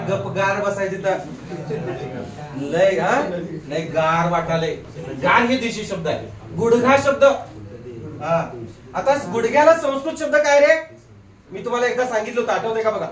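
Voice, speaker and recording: A man's voice: high-pitched, distant mic. A man teaches a grammar class. He keeps firing questions at the students and teasing them. He is recorded from across a roomy, echoing classroom. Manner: lively, quizzes the class and jokes. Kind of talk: classroom lecture. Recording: echoey classroom recorded from afar.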